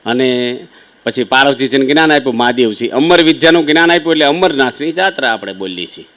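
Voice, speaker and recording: ગુજરાતી ઉચ્ચારવાળા એક પુરુષ સ્વામી, ઘરગથ્થુ વાતચીતની શૈલીમાં શ્રોતાઓને સંબોધીને ભક્તિભાવભર્યું પ્રવચન આપે છે. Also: male voice, mid-range voice, animated, fast, a bit bright. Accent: Gujarati. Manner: conversational, folksy storytelling with asides to listeners. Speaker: swami preacher. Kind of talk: devotional sermon storytelling.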